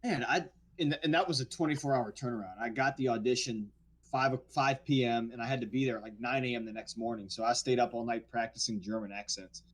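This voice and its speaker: A man who works as an actor, from the New Orleans area, telling stories in a casual podcast chat with frequent restarts. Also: medium pitch. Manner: storytelling, animated, frequent restarts. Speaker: guest actor.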